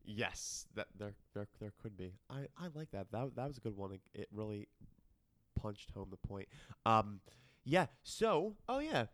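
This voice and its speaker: A man co-hosting a podcast in casual pun banter, excitable and laughing, with sudden jumps up in pitch. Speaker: podcast co-host. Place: dining room.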